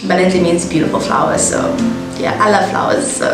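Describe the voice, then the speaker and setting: A woman's voice: lowish voice, fairly even intonation, a little fast. South african woman, twenties, chatty vlogger, very echoey room, music playing underneath. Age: 20s. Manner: chatty, laughs at herself, bubbly asides. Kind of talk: casual get-to-know-me chat. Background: background music.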